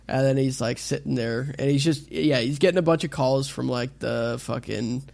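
A man's voice: mid-range voice, normal speed, vocal fry, a little mellow. A young man talking like a frat bro, casually recounting things with slang and heavy swearing. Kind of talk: casual chat.

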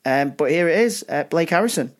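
A man's voice: a little high, lively intonation, a little fast. A man hosting a podcast, chatting loosely with lots of restarts and fillers. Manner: rambling, many restarts and fillers. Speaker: podcast host. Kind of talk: casual chat.

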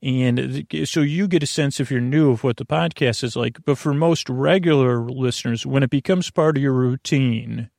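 A podcast host delivers a rambling bedtime monologue meant to help listeners sleep, halting, circling back, and losing his thread. His voice is creaky and gravelly, medium-pitched and a little mellow, captured in a dry, studio-quality recording.

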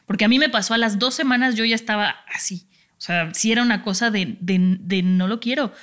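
A woman telling her story in a casual, animated conversation. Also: mid-range voice, a little fast.

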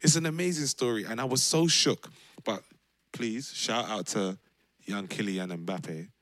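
Man, London accent, young adult, low pitch, dry, laughing, repeating words, podcast co-host. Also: unhurried, fairly bright tone, no echo. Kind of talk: casual chat among friends.

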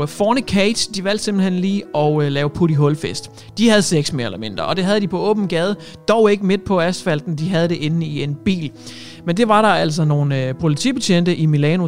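A man hosting a radio show, delivering a cheeky, jokey news monologue and dropping English phrases into his talk. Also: a little high.

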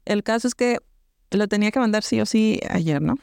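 A Mexican woman co-hosting a podcast, telling a story in casual chat with lots of slang and an animated manner. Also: medium pitch, normal speed, creaky, clear, resonant tone, no echo, clean studio sound. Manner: animated, slangy, acts out voices in anecdotes. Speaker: podcast co-host.

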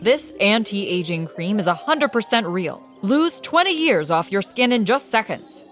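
A woman voicing a male trickster salesman who poses as a healer, hawking loudly and pleading when caught. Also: medium pitch, big pitch swings, unhurried, soft background music, voice pushed down. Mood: salesy. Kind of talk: storybook podcast acting.

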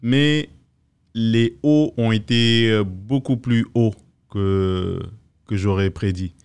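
A man's voice: fairly low pitch, slow, darkish tone, smooth. A man from France with a neutral French accent, chatting casually as a comedian guest, hesitant with frequent fillers and English phrases. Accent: French, neutral international. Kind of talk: casual podcast chat.

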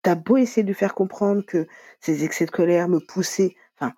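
Woman guest talking it through, dry close sound, kinda raspy and dark. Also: on the low side, a little fast, dry recording. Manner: conversational, many fillers and quoted dialogue. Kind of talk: personal testimony interview.

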